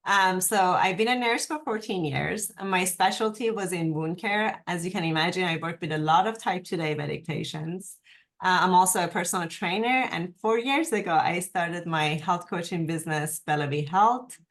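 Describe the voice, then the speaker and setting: A woman from Iran, a nurse and health coach talking as a podcast guest, earnest and quick to laugh. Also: fairly low pitch. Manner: warm, laughs easily, earnest. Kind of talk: podcast interview.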